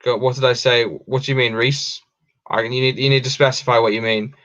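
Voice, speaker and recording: A young man from Wales hosts a casual livestream, reading viewer questions aloud and answering in a rambling way full of ums and restarts. His medium-pitched voice is steady, brisk, and fairly bright. The stream audio is dull and lo-fi.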